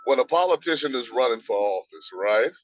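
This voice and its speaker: A man's voice: medium pitch, expressive, fairly quick, dry recording, dull audio. A man guest on a video call, quoting scripture and explaining points step by step in a teaching manner. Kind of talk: casual interview, teaching.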